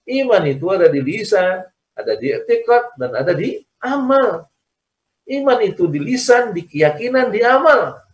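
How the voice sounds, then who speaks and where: The speaker is an Islamic teacher holding a lesson on religion over video call, his voice high and very animated at normal speed. He explains through repetition and keeps asking "ya kan?" for agreement. The video-call audio is echoey and distant.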